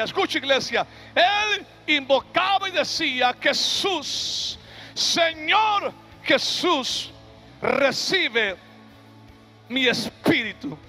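A man preaching a fiery sermon, shouting and calling the congregation to repeat after him. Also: very high voice. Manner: shouting, call-and-response exhortation.

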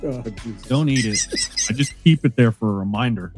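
A man guest on a live stream, joking and chiming in with quick asides. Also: medium pitch, darkish tone, slightly rough, soft background music. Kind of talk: casual group chat.

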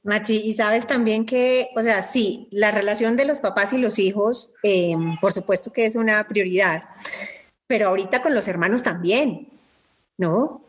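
A woman host, asking questions in a casual interview and often pausing and restarting mid-sentence. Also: mid-range voice, breathy edge. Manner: hesitant, many fillers and restarts.

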